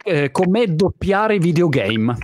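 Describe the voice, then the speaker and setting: A man's voice: a little high, very animated, unhurried, background noise. A man hosting a casual interview over a video call, asking curious, enthusiastic questions. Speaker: host.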